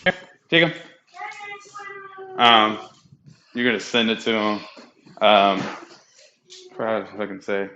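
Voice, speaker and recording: A young man hosting a casual podcast chat at home, loose, profane and quick to laugh. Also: lowish voice, steady tone, highs cut off, noisy background. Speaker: podcast host. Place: home room.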